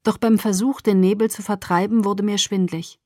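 Expressive woman reading a novel. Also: mid-range voice, moderate pace, no echo, clean studio sound. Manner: expressive, follows the drama, drops to near-whisper in quiet passages. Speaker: audiobook narrator. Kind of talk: first-person novel reading.

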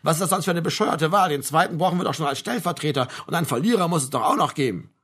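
A man doing a booming, bossy army sergeant major. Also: expressive, very fast, a bit bright, husky. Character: gruff booming older male sergeant major, mocking.

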